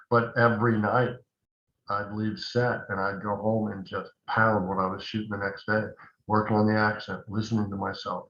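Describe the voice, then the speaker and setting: Older man, acting coach, casual anecdotal talk, low voice, echoey dull phone recording. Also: fairly bright tone, slight background noise. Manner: rambling, anecdotal, many asides. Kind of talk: casual interview storytelling.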